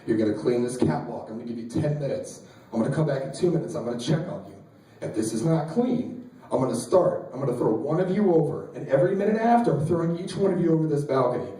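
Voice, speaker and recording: Menacing drill sergeant, low and gruff, barking deadpan threats, as a comic puts him on, echoey room picked up from afar. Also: male voice, quick pace, recorded from a distance, natural voice. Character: menacing male Marine drill instructor.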